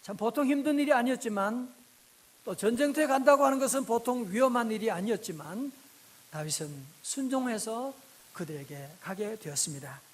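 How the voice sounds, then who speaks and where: Male pastor, very high voice, lively storytelling sermon. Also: brisk. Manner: lively storytelling with rhetorical questions to the congregation.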